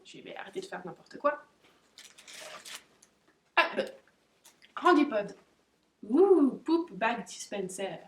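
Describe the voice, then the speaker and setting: A young woman vlogging an unboxing of dog toys in a casual, excitable, giggly way, breaking off to talk to her dogs. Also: mid-range voice, a little slow, long pauses, slight background noise. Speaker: pet vlogger. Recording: roomy, distant camera audio.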